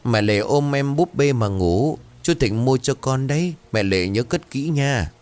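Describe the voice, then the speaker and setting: A man voicing a clever little girl in a spoken ghost story, with a bright, high, lilting child's voice. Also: expressive, unhurried, close to an everyday voice. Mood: tender.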